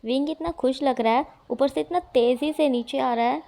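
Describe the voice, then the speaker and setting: A woman's voice: high voice, moderate pace, gravelly, warm tone. A woman narrating a fanfiction story in a casual, chatty way, reading the characters' lines herself. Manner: casual, chatty retelling with fillers and restarts. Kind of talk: storytelling narration with quoted dialogue.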